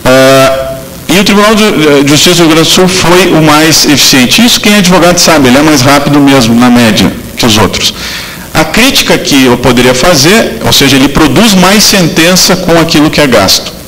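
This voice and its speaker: A man's voice: a little high, animated, moderate pace, a bit bright, long reverb tail, low-quality recording. A man from southern Brazil giving an academic law lecture, speaking with frequent fillers and restarts. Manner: hesitant, many fillers and restarts.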